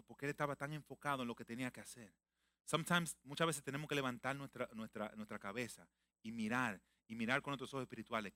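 A man preaching a sermon emphatically, repeating phrases and swinging between loud declarations and hushed, reflective passages. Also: medium pitch, no room sound. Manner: mixes in English phrases.

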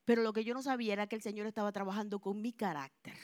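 A woman giving a religious testimony to a congregation, telling her story expressively and moving between hushed and loud. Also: medium pitch, fairly even intonation, racing, no echo, studio quality. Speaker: church member giving a testimony.

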